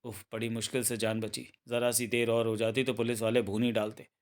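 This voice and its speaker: A cowardly male bandit chief of a comic book read-aloud, panicky and begging for his life, as a man puts him on. The voice sits at a middle male pitch. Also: level tone, a little fast, lightly acted. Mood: worried.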